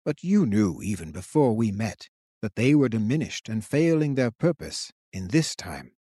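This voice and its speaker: A man voicing an ancient resurrected king who speaks slowly and gravely in an audiobook. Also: fairly low pitch, sing-song, dark tone, no room sound, studio quality. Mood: gentle solemn. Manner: slow, grave, measured. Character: ancient resurrected male king, commanding, solemn. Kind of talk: audiobook character voice.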